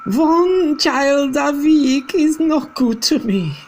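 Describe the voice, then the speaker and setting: A woman voicing a furious female witch leader who screams and rants slowly at her followers in an audiobook, over music. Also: high voice, lively intonation, slight background noise, voice pushed up, full character voice. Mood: screaming. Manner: screaming, drawn-out, ranting. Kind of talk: audiobook character voice.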